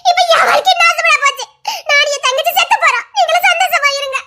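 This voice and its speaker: A woman's voice: fast talker, sharp tone, a little hiss or hum. A woman voicing a distraught young wife who is tearful and accusing in an audio drama. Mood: despairing. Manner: shrill, accusing, near tears.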